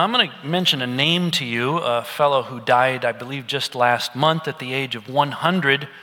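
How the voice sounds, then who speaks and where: A man's voice: mid-range voice, pushed and bright. A middle-aged man preaching an expository sermon, teaching in a conversational, storytelling way. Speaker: pastor. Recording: long reverb of a large hall.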